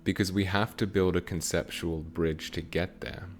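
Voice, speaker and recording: A man giving a channeled spiritual teaching with guided meditation, speaking slowly in short, measured phrases. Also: low-pitched, steady tone, faint music behind.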